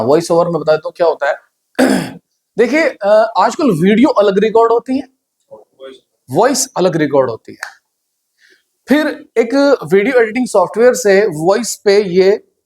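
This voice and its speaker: Male teacher, high voice, chatty classroom lecture full of questions to students. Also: a little mellow. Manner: conversational, asks the class questions. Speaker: computer hardware teacher.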